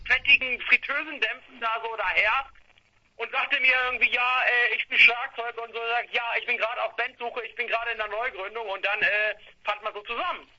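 A man's voice: very high-pitched, steady tone, fairly quick, sharp tone, muffled recording. A man in his late twenties, a band member telling stories in a rambling way with many fillers. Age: 20s. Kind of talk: casual interview.

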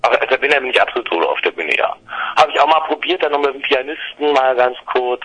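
A man in his thirties from Berlin, a singer-songwriter, talking casually and haltingly with many fillers over a phone line. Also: medium pitch, sing-song, fairly bright tone. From Berlin, Germany. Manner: hesitant, many fillers and restarts. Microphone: telephone line. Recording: phone line into radio studio.

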